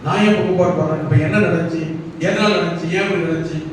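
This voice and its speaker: A man's voice: fairly high pitch, steady tone, fast talker, slight background noise. A male pastor preaching a sermon in a church, firing off rhetorical questions and building to emphatic calls. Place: church hall. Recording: echoey church hall, mic from far off.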